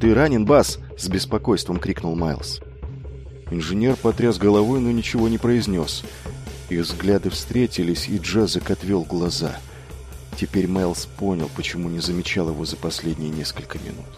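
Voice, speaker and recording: A man reading a novel aloud as audiobook narrator, in a measured storytelling manner. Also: deep voice, darkish tone, soft background music. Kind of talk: scripted narration.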